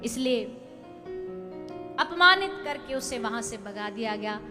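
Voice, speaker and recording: A young woman telling a devotional scripture story as a preacher, dramatic, swelling loud for emphasis and chanting verses. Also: a little high, animated, slow, long reverb tail, music in the background.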